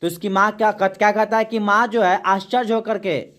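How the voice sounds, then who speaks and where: A woman teaching a class, reading a poem slowly line by line, then explaining each line and quizzing the students with quick questions she answers herself. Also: medium pitch, steady tone, fairly bright tone. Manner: slows down to recite verse lines.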